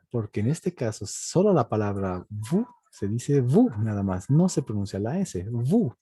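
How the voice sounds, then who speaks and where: Husky, dark-voiced male language teacher. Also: medium pitch, no room sound. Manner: patient, repetitive explaining with tag questions; slow, drawn-out model pronunciations. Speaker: French teacher. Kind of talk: online language lesson.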